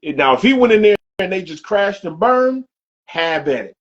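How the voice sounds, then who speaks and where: A man co-hosting a casual sports podcast, animated and repeating phrases for emphasis. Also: high-pitched, moderate pace, highs cut off. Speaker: podcast co-host. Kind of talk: casual sports barbershop chat.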